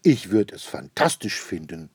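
A man voicing a fat, cigar-smoking rich gentleman who speaks in slow, breathless raptures. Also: sits low, big pitch swings, breathy edge, dry recording, studio quality, heavily acted. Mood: breathless delight.

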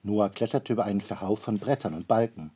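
A man narrating a children's storybook aloud in a calm, expressive way. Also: on the low side, brisk, husky.

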